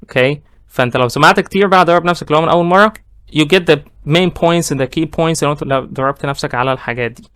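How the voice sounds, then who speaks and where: A middle-aged man with an Egyptian accent and a smooth, resonant voice runs a bilingual English lesson. His Arabic explanations move fast, and he slows right down to give each English phrase. The sound is dry, with the mic close to him. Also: fairly high pitch, fairly bright tone, no room sound. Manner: mixes Egyptian Arabic with slow read-out English. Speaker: English teacher.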